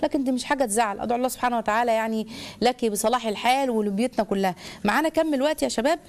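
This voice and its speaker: A woman's voice: fairly high pitch, rapid-fire. A middle-aged woman with an Egyptian accent hosting a call-in advice show, talking directly and coaching callers, often acting out little scenes. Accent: Egyptian Arabic. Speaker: host giving family advice to callers.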